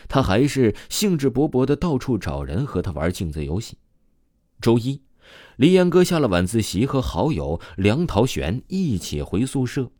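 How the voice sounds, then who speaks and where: A man telling a ghost story in a casual, chatty way, with lots of drawn-out particles. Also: medium pitch, big pitch swings, a little mellow, dry recording, studio quality.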